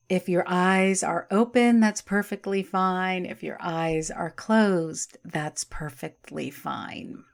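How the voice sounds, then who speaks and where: In a soft, soothing way, a woman leads a yoga nidra relaxation meditation, leaving long pauses. Her voice sits on the low side.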